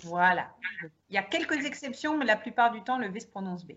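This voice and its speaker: A woman's voice: a little high, animated, fairly quick, fairly bright tone, lo-fi sound. A woman teacher guiding a partner through pronunciation examples, prompting her to speak. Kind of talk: classroom demonstration dialogue.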